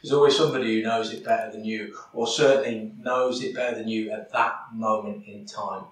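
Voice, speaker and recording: A man's voice: lowish voice, steady tone, a little fast. A man chatting casually about fishing, full of fillers and restarts. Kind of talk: casual chat about angling. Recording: echoey, far from the mic, faint background noise.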